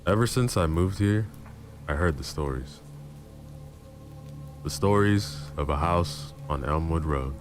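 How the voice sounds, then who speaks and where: Deep-voiced male narrator for horror story readings, calm and low-key. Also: measured pace, pauses often, faint music behind.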